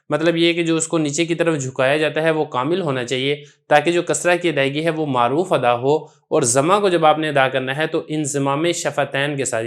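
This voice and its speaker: A man with a Pakistani Urdu accent gives a Quran recitation lesson, speaking in a fairly high voice. He explains each rule patiently and goes over it more than once. He recites example words slowly and clearly to show how they should sound. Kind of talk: tajweed lesson explaining a text.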